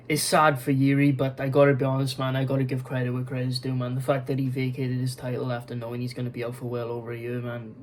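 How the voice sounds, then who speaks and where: Young guy rambling about fight news, tired, swears a lot, pretty monotone, bit of hiss behind. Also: medium pitch, low-quality recording. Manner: rambling, swears often, many fillers and restarts. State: yawning, tired. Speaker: MMA YouTuber. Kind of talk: casual news commentary vlog.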